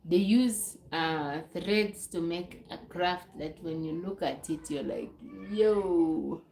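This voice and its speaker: A woman's voice: fairly low pitch, takes it slowly, a little mellow, echoey room, a little hiss or hum, low-quality recording. A woman from Uganda, chatting casually on her live stream, rambling and repeating herself. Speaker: livestream host. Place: noisy home with kids nearby.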